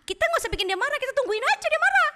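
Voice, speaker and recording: Brief: woman doing a cunning devil, coaxing, lively and bright, roomy hall sound. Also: very high voice, a little hiss or hum, pitched above the performer's own voice, heavily acted. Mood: sly, egging on. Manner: wheedling, urging on in a loud quick voice. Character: cunning male devil, sly coaxing tempter. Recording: echoey church hall.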